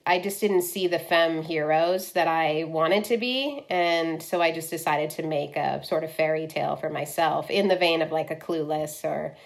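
A woman's voice: deep voice, normal speed, creaky, few pauses. A woman in her fifties from Ohio, a film director, talking frankly in an interview, with many fillers. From Ohio, US Midwest. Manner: frank, lots of likes and ums. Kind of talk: candid conversational interview.

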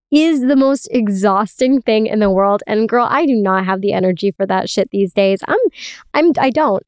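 A woman's voice: medium pitch, a little mellow, clean tone, dry recording, studio quality. Woman talking from inside a closet. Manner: chatty and giggly, with frequent "like" fillers. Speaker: podcast host. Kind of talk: casual solo chat. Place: inside a clothes closet under a towel shelf.

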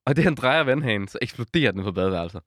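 A young man co-hosting a podcast, telling a story in a casual, animated way and laughing often. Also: medium pitch, no echo, clean studio sound. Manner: animated storyteller, acts out quotes, laughs a lot. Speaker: podcast co-host.

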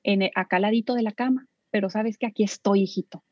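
Animated woman, dull dry recording. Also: mid-range voice, fast, no echo. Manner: animated, acts out parent-child talk in a sing-song voice. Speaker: parenting expert and author. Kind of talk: guest in a casual interview.

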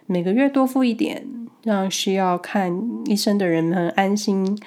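Stuffy-nosed, mellow Taiwanese woman. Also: medium pitch, normal speed. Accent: Taiwanese Mandarin. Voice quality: nasal, stuffy-nosed, as if with a cold. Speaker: podcast host. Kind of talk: casual personal storytelling to listeners.

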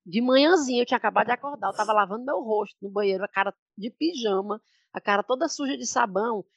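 Slightly high Brazilian woman, muffled audio. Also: fast talker, no room sound. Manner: chatty, emphatic, animated retelling. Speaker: podcast co-host. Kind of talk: casual storytelling chat.

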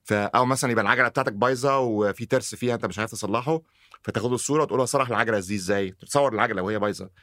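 A man's voice: fairly low pitch, rapid-fire, a bit bright, dry recording, clean studio sound. A man with an Egyptian Arabic accent, a podcast guest in casual conversation, laughing often and mixing in English phrases. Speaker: guest, tech company founder.

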